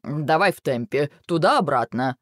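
A man's voice: a little high, animated, unhurried, fairly bright tone, dry recording, clean studio sound. A man voicing a bossy, impatient sparrow father who brags about shortcuts. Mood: bossy, hurried. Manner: impatient, boastful. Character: bossy hurried sparrow dad, middle-aged.

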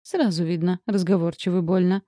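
Woman reading as a gruff police captain. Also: fairly low pitch, fairly even intonation, a little fast, dark tone, dry recording, studio quality, close to an everyday voice. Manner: curt, gruff. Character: stern sardonic male police captain.

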